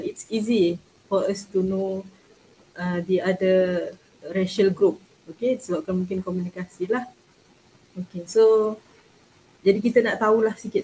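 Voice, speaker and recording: A woman with a Malaysian accent informally moderating an online forum, haltingly and with English phrases mixed in. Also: on the low side, a little mellow. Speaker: panel host, moderator. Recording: noisy online call.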